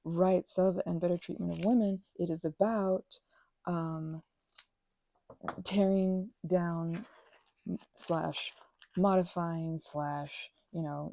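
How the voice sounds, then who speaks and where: Recorded close with no echo, this young ASMR host has a fairly low, creaky voice as she chats while crafting. Her talk rambles and stays animated, peppered with sarcastic asides and mocking voices.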